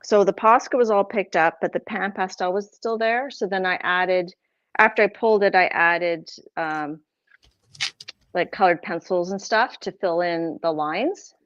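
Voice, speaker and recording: A woman's voice: fairly low pitch, a little slow, no echo, lo-fi sound. A woman with a Boston accent casually explaining her craft prints, rambling with lots of fillers and self-corrections. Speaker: craft livestream host.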